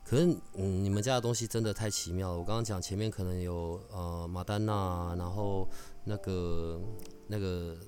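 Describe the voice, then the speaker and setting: A man hosting a podcast who talks in a chatty, teasing, animated way. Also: deep voice, normal speed. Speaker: podcast host. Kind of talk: casual podcast conversation.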